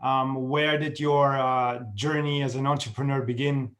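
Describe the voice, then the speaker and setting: A man hosting a podcast, asking questions in a friendly, halting way with many fillers. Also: medium pitch, level tone, fairly bright tone. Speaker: podcast host. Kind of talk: casual interview chat.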